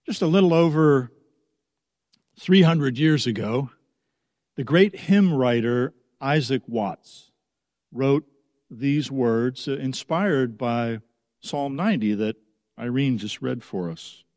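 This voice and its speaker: A pastor preaching a sermon, from the United States, with a slow, measured, reflective delivery. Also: male voice, medium pitch, darkish tone, no room sound, clean studio sound, in a large hall.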